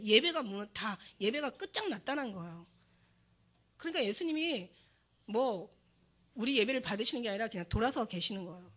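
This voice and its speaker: A woman's voice: on the high side, fairly bright tone. A middle-aged woman pastor preaching a sermon with emotion, acting out prayers and God's words as she goes.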